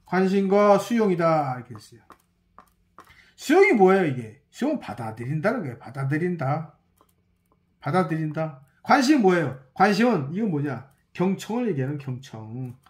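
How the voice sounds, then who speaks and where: Professor, lecture delivery, lively pitch, repeats terms, peppers with rhetorical checks. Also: moderate pace. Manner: repeats key words, quizzes listeners with rhetorical questions and a checking "예?"; explains while drawing and writing on screen. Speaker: university professor. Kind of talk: recorded university lecture.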